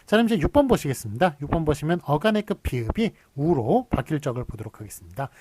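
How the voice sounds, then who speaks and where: A man's voice: fairly high pitch, big pitch swings, fast, a little mellow, breathy edge. A man from giving a recorded university lecture, explaining patiently with many fillers and restarts and drawing out his examples. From Seoul.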